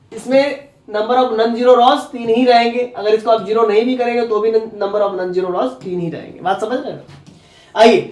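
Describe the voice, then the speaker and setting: A man with a Jharkhand accent teaches maths in a blunt, scolding way, with a high voice. He keeps asking "right?" after each step. The sound is roomy and echoey, with the voice a little far from the mic. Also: a little mellow. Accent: Hindi from Jharkhand. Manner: blunt, scolding, repeats "है ना?" and "ठीक है?". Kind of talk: classroom maths lecture.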